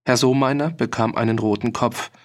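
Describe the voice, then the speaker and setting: A man reads a novel aloud as an audiobook narrator. His storytelling is calm and even, and his voice sits at an ordinary middle pitch for a man. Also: brisk.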